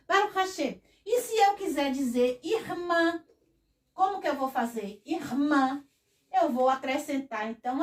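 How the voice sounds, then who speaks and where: A woman teaching a lesson at a whiteboard, patiently repeating each word slowly and often adding a short blessing. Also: high-pitched. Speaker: Hebrew teacher. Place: room with a whiteboard. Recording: echoey room, voice from a distance.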